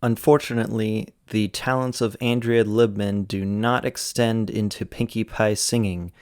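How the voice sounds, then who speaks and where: Smooth, lower-pitched man narrating. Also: steady tone, normal speed, a little mellow, dry recording, studio quality. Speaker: host of a cartoon episode retrospective. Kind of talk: scripted narration, episode recap and commentary.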